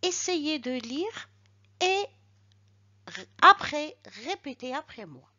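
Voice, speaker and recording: A woman teaching Arabic letters and short vowels, speaking slowly and deliberately and pronouncing each syllable carefully for learners to repeat. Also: high-pitched, sing-song, pushed and bright. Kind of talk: slow instructional lesson. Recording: dull lo-fi recording.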